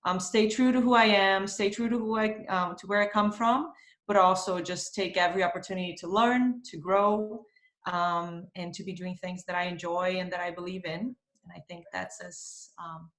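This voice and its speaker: A woman's voice: on the low side, steady tone, normal speed, fairly bright tone, reverberant. Thoughtful Brazilian-born woman on a video call. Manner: thoughtful, many fillers. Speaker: marketing executive guest. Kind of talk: remote video interview. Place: home in Spain.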